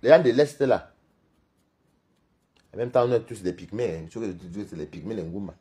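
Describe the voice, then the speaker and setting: A Cameroonian man with a Cameroonian French accent hosts a live stream, his voice on the low side at a normal speed. He chats with viewers in a rambling, gossipy, animated way and laughs often.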